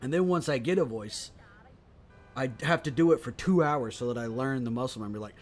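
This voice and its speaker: A man's voice: mid-range voice, fairly quick. A man hosting a casual comedy podcast, talking in rambling, profane tangents. He is also an impressionist.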